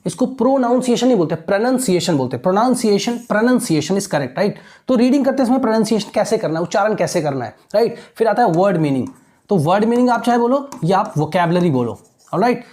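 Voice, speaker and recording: Woman teaching in a mellow voice. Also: medium pitch, expressive. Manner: mixes languages, reads English slowly then explains quickly; asks rhetorical questions, checks in with listeners. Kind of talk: exam-prep lesson.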